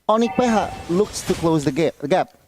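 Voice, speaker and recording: High-pitched Indonesian man, casual game commentator. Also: expressive, moderate pace, a little mellow, slight background noise. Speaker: esports co-commentator. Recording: music behind the voice.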